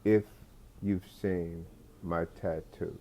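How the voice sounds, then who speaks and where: A man's voice: sits low, steady tone, slow pace, warm tone. A man telling a comic story in a rambling way, with many fillers and restarts. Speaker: comedic storyteller.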